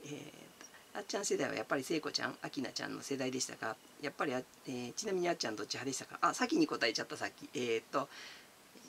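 A man's voice: mid-range voice, vocal fry, a bit bright, slight background noise. A man, chatting casually as he answers viewer comments, giggly and talkative, calling himself by his nickname. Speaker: channel host.

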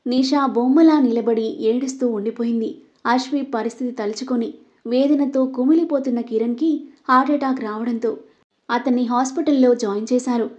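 High-voiced woman storyteller. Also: fairly even intonation, moderate pace, a little mellow. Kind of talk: scripted story narration. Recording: dull lo-fi recording.

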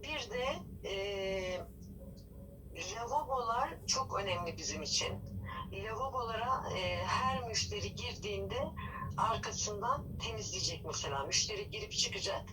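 A woman's voice: medium pitch, lively intonation, unhurried, recorded from a distance, background noise. A woman playing a polite, formal office employer on a landline phone, patient and full of hesitant fillers.

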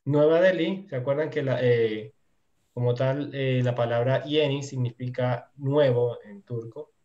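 A man's voice: mid-range voice, unhurried, darkish tone, dull audio. Man teaching, patient and rambling. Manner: patient, explanatory, full of fillers. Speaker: Turkish teacher. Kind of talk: live online language lesson.

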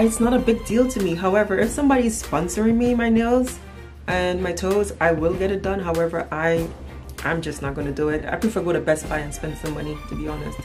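A Trinidadian woman in her thirties vlogs from a small furnished room at home, chatting casually to camera as a playful, emphatic storyteller. Her voice is lowish and slightly mellow.

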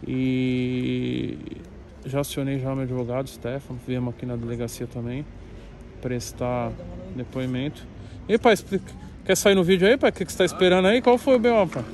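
A man's voice: medium pitch, flat delivery, moderate pace, darkish tone, a little hiss or hum. A young man vlogging casually on a phone camera, teasing people and dropping slang. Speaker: vlogger and manager. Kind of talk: casual street vlog chat. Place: outdoors at night by a police station, then indoors. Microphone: phone camera at arm's length.

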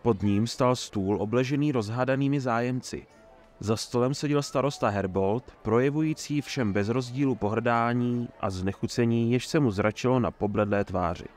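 A man narrating a fantasy audiobook in a steady, measured reading voice. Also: medium pitch, soft background music.

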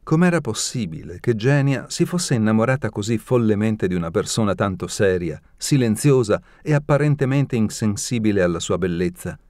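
Low-voiced man reading an audiobook. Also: expressive, normal speed, hardly any pauses, darkish tone, dry recording, clean studio sound. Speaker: audiobook narrator. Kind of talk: scripted audiobook narration.

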